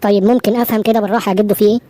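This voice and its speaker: A woman's voice: mid-range voice, steady tone, rapid-fire, mellow, lightly acted. A woman voicing a headstrong young male detective in an Egyptian cartoon, speaking with an Egyptian Arabic accent and a boastful, reassuring manner. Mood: determined. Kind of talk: Egyptian cartoon dub acting.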